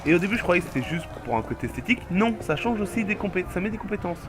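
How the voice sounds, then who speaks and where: Lively jokey guy playing a game. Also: sits high, very fast. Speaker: let's play gamer. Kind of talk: casual gameplay commentary. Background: loud game music.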